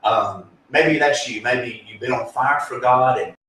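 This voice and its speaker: Male pastor, earnest and folksy, mid-pitched, heard from across a reverberant room. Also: a little slow, fairly bright tone. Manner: earnest, folksy, with many fillers and restarts. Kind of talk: conversational spiritual teaching. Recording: echoey room, distant mic, faint ambience.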